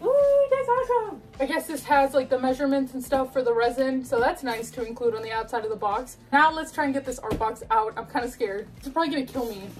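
Excitable high-voiced young woman unboxing. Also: quick pace, few pauses, distant mic. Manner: excitable, gushing, laughing and breathless. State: out of breath. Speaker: collectibles unboxing vlogger. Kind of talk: casual unboxing chat.

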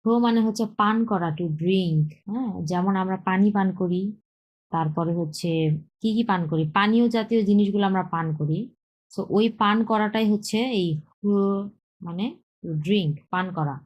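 A woman teaches a beginner Chinese lesson, repeating words slowly and mixing in English terms. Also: mid-range voice, dull audio. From Bangladesh. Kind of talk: slow explanatory lesson with drilled pronunciation.

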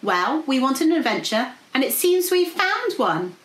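A woman's voice: sits high, sing-song, measured pace, echoey room, pitched above the performer's own voice, low-quality recording. A woman voicing an eager, kindly young princess in a storybook, earnest and emphatic. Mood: earnest, resolute.

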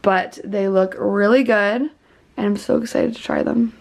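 A woman's voice: mid-range voice, steady tone, measured pace, creaky, a little mellow. A young woman chatting through a baking tutorial in her home kitchen, bubbly and casual, with lots of "like" and "um". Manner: bubbly, chatty, says "like" and "um" often. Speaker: baking vlogger.

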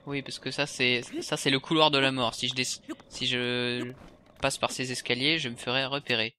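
A man's voice: mid-range voice, little pitch movement, moderate pace, sharp tone, slight background noise. Chatty French man narrating gameplay. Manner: chatty, reacts aloud, talks to enemies. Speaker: video game let's player. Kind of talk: casual gameplay commentary. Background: game music.

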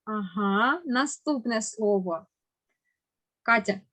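A woman runs a language class for children by video call, her slightly high voice sharp in tone with lively intonation. She stays patient and encouraging, emphasizes words slowly and with care, and praises each response.

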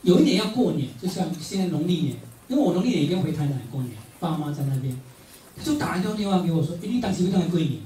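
Middle-aged Taiwanese motivational speaker, lively storyteller, laughs a lot, echoey hall from a distant mic. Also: male voice, on the high side, fast talker, a little hiss or hum. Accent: Taiwanese Mandarin. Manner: animated storyteller, often laughing, emphatic repetition. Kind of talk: motivational speech.

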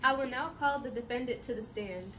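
A woman playing a formal courtroom judge with a fairly high voice. She speaks in a procedural, businesslike way. There is clear background noise in the recording. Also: fairly quick, close to an everyday voice. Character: stern female courtroom judge.

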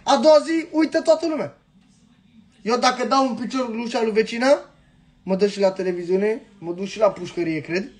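A young man from Romania, a rapper, delivering a heated, insulting rant that swings between shouting and muttering. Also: very high voice. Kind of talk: angry rant to camera.

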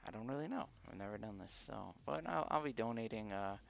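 Gravelly man talking through a face mask. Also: fairly low pitch, lively intonation. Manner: halting, hesitant, unpolished first-time streamer. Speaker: live streamer. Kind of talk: casual unscripted livestream chat.

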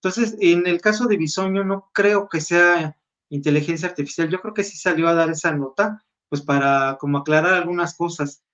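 A man's voice: a little high, steady tone, moderate pace, a bit bright. A man co-hosting a casual gossip chat, easygoing and chatty. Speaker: show co-host. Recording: dull lo-fi sound.

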